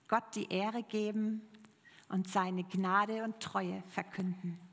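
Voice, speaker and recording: Slow-telling woman preacher in an echoing hall. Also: medium pitch, flat delivery, fairly bright tone. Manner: slow, deliberate storytelling. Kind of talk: sermon with told parable.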